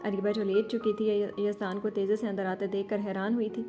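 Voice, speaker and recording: A woman narrating a romance novel in a steady, dramatic storytelling manner. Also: medium pitch, music in the background. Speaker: audiobook narrator. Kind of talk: novel reading.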